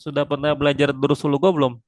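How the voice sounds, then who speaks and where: A man's voice: on the high side, little pitch movement, no room sound. Patient male Arabic tutor. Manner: patient, slow drilling with frequent pious interjections. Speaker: Arabic teacher. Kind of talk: online one-on-one language lesson.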